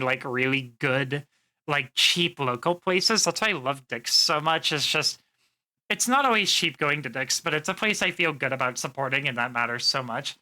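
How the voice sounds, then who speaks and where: A woman's voice: extremely low pitch, pushed and bright. A woman streamer chatting casually to her viewers, rambling with plenty of fillers and swearing freely. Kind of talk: casual live-stream chat.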